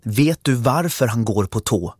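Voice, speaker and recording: A man's voice: medium pitch, lively intonation, a little mellow, slightly rough, dry recording, clean studio sound, voice pushed up. A man voicing a serious young schoolgirl in a read-aloud story, his own voice only lightly raised.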